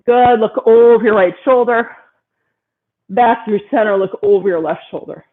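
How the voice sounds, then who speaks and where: A woman's voice: fairly high pitch, normal speed. Yoga teacher woman, tinny phone-like sound. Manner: steady stream of short, encouraging body cues. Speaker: yoga instructor. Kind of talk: guided yoga class instruction.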